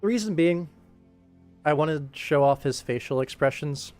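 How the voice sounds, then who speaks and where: A man with a fairly high, slightly mellow voice speaks at a normal pace and sounds animated. He's an animator hosting a casual livestream, explaining what he's doing and responding to viewers, with music playing underneath.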